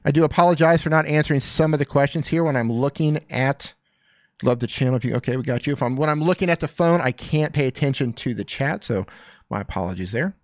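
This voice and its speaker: Talking at a quick pace in a mid-range voice, a man runs a live stream where he coaches creators casually and upbeatly on their channels while reading viewer comments aloud. There's no room sound, and he's a YouTube coach doing channel reviews.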